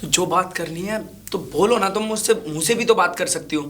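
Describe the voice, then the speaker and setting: A man's voice: high-pitched, fairly quick, fairly bright tone, slight background noise. A man playing a jilted young lover who angrily accuses a woman for marrying someone else. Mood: angry. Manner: angry, accusing. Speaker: actor. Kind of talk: low-budget crime drama acting.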